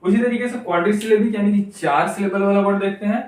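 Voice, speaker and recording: High-voiced man lecturing in an echoey room. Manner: repeats words slowly, syllable by syllable. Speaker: English teacher. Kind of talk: classroom lecture. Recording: very echoey room, mic far off.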